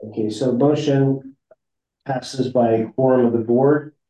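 A man serving as district counsel, chairing a formal board meeting in a measured way with frequent fillers, his voice heard over a remote call line that breaks up. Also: mid-range voice, steady tone, warm tone. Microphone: remote call audio. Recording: muffled echoey call audio.

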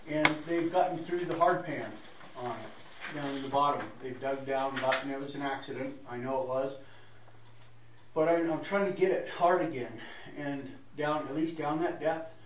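A man giving an informal, rambling report at a meeting, with frequent restarts and fillers. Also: on the high side. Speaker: staff member reporting at a meeting. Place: meeting room. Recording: echoey room, distant mic, background noise.

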